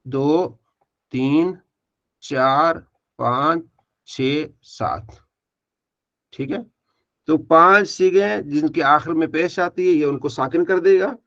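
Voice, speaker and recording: Man teaching Arabic grammar, slightly high voice. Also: fairly bright tone, dull audio. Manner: drills students by asking and answering his own questions, repeats forms. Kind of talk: online class lecture.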